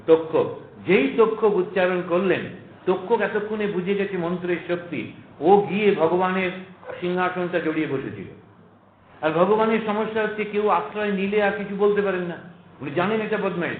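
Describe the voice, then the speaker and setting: A man's voice: high voice, slight background noise. A middle-aged man giving a spiritual lecture, full of anecdotes, humorous asides and rhetorical questions. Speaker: monk lecturer. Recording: echoey, tinny phone-like lecture recording.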